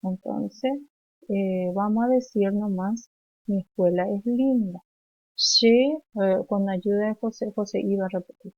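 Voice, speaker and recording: A woman teaching young children, slowly saying words and phrases for them to repeat back. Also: medium pitch, no echo, muffled recording. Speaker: preschool teacher. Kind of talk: remote language lesson for young children.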